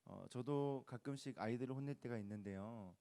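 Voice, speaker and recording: A man in his thirties giving a conversational youth sermon as pastor, asking the listeners questions and swinging from loud emphasis to soft hushed asides. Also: medium pitch, brisk.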